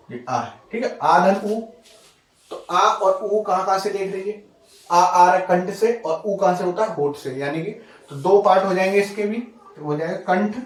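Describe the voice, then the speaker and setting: A man's voice: high-pitched, far from the mic. A man teaching a grammar lesson, asking rhetorical questions and checking in with the class again and again. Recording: roomy echo.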